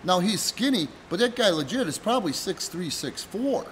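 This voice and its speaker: A man's voice: high voice, big pitch swings, normal speed, fairly bright tone, a little hiss or hum, poor audio. A middle-aged man co-hosting a casual chat, telling stories in a profane, rambling way. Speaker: podcast co-host, wrestling promoter.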